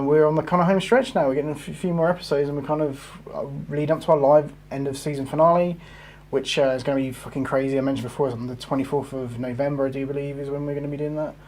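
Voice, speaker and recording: A man's voice: fairly high pitch, steady tone, fast talker, a little mellow. A man hosting a casual gaming podcast, rambling with plenty of fillers and the odd swear word. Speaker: podcast host.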